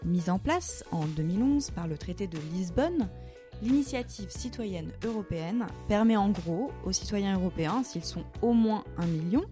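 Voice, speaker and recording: Young woman hosting a podcast, mellow voice. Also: mid-range voice, animated, normal speed, soft background music. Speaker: podcast host. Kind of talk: scripted narration and interviewing.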